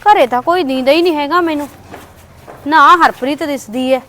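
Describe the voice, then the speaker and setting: A woman's voice: sits high, fairly quick, a bit bright. A woman playing an anxious young married sister who hesitantly thinks aloud in a family short drama. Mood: hopeful. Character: anxious young married sister wanting to visit her brother. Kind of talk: family short-video acting.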